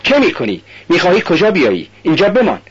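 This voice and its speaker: A man's voice: high-pitched, huge pitch swings, husky, lo-fi sound, pitched above the performer's own voice, heavily acted. A man doing a tormented, guilt-ridden young man. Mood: angry. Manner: agitated, bitter outbursts.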